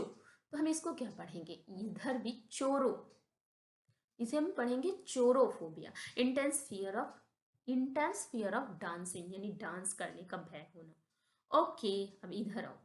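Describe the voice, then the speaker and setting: A woman's voice: on the high side, echoey room. A woman teacher with an Indian accent explains English word pronunciations, thinking aloud, correcting herself and asking rhetorical questions. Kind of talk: slow classroom-style explanation mixing Hindi and English.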